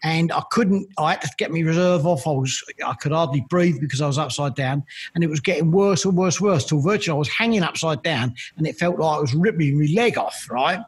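The guest is a middle-aged militaria collector from East London, England, with a Cockney accent, telling long, rambling stories in a chatty, casual interview. He talks a little fast in a fairly high, slightly rough voice, repeatedly saying "I've got to be honest."

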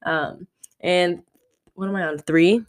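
A woman's voice: lowish voice, steady tone, slow pace. A woman in her twenties hosting a solo podcast, talking candidly and rambling with lots of "like" fillers. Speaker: podcast host.

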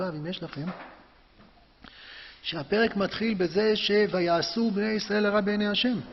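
A man giving a Torah lesson to a class, impassioned and emphatic, rising to forceful peaks. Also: sits high, creaky, a little hiss or hum. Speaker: Torah teacher. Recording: dull lo-fi sound with long hall reverb.

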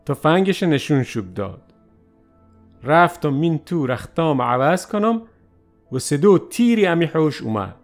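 Guy narrating his own story, kinda high voice, soft music behind. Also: sing-song. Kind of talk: first-person storytelling narration.

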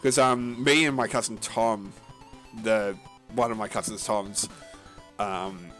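A man co-hosting a casual gaming podcast, talking in a rambling, halting way full of fillers and restarts, with a casual, profane manner. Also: on the low side, a bit bright, faint music behind. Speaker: podcast co-host.

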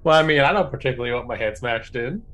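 A man's voice: medium pitch, lively intonation, fast, fairly bright tone, faint music behind. A man playing a tabletop game, speaking in character with wary, coaxing questions. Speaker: player. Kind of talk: in-character tabletop role-play.

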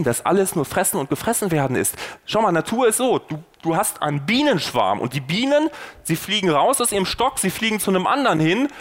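A man hosting a faith podcast, preaching earnestly and putting rhetorical questions straight to the listener. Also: high voice. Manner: earnest and persuasive, rising and falling for emphasis. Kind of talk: sermon-style podcast talk.

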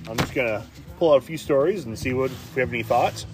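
A man hosting a casual podcast, relaxed as he reads out and talks over news stories. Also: mid-range voice, fast, music in the background. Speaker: podcast host.

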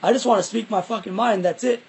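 Young male, raspy and gravelly, casual reflective chat with halting phrasing. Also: high-pitched. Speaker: musician.

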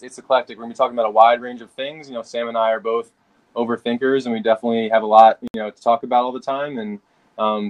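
A man's voice: medium pitch, no room sound. A man, co-hosting a casual podcast and rambling with lots of fillers and restarts. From Philadelphia, USA. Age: 20s. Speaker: podcast co-host.

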